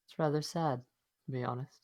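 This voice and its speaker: This is a mysterious male presence speaking from inside a character's mind, as a man puts him on. It is a whispered role-play, hushed and deliberate, with a theatrical, knowing calm. The tone has a gravelly grain at a middle pitch. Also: dry recording, close to an everyday voice. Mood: cold, knowing.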